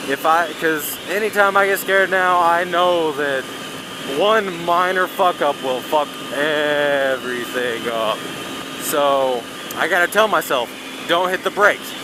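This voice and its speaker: Male motovlogger, fairly high voice, loose sweary delivery from inside a helmet, clear engine noise throughout. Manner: talking from inside a motorcycle helmet; heavy casual swearing, blunt. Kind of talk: casual rambling vlog chat while riding. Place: outdoors on a moving motorcycle. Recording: loud engine and wind noise. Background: engine, vehicle and road noise.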